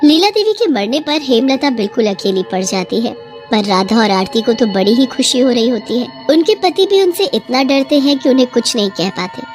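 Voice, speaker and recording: Woman reading a spooky bedtime story, kinda high voice, light music under. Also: lively intonation, moderate pace, darkish tone. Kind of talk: scripted story narration.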